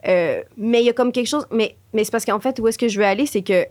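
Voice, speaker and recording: Expressive woman with a Quebec French accent. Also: a little high, fast, no room sound. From Chile. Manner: expressive, frequent fillers, mixes in English. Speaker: podcast co-host. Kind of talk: casual conversation.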